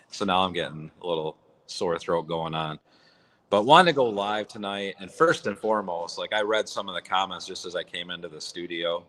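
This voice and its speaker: A man's voice: sits low, a bit bright. A man hosting a casual livestream from a barn, his voice echoing, talking in a raw, blunt, rambling way. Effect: echoey barn sound. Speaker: livestream host. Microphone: phone or app mic.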